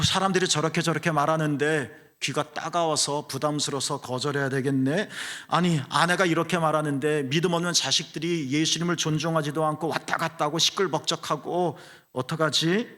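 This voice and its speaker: A man preaching a sermon, his voice a little high and strikingly bright. He tells the story in a lively way and acts out the lines of the people in it. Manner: animated storytelling, acting out quoted voices. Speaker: pastor.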